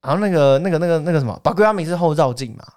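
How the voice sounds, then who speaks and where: A man's voice: on the high side, animated, racing, darkish tone. A man with a Taiwanese Mandarin accent, co-hosting a casual comedy podcast and laughing often. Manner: playful, laughs often, trails off mid-word. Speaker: podcast co-host.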